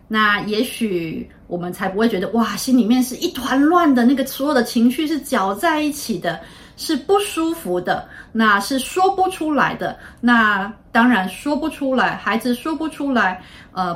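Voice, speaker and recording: A woman from Taiwan, a child psychiatrist hosting a podcast, explaining in a calm, patient way with frequent pauses. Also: fairly high pitch.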